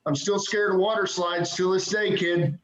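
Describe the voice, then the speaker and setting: A man's voice: high voice, level tone, normal speed, a bit bright, highs cut off. A man doing a self-deprecating stand-up set over a video call, punctuating jokes with "right?". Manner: self-deprecating, punchy joke delivery with frequent "right?". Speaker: stand-up comedian. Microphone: computer mic on a video call. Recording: echoey room on a video call.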